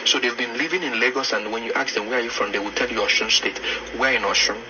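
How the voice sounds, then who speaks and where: Man, quick casual talk, muffled lo-fi sound, loud background noise. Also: medium pitch, fairly even intonation. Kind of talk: casual talk in a replayed clip. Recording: dull, noisy replayed clip.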